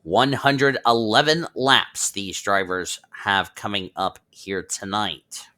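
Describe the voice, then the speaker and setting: A man with a lowish voice and a bright, forceful tone hosts play-by-play commentary of a simulated stock car race. Coughing and slightly under the weather, he checks the standings out loud and corrects himself along the way.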